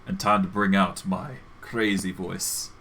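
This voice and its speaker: Low-voiced man doing casual game commentary. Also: flat delivery, a little slow, gravelly, noisy background. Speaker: game streamer. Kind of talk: casual live gameplay commentary.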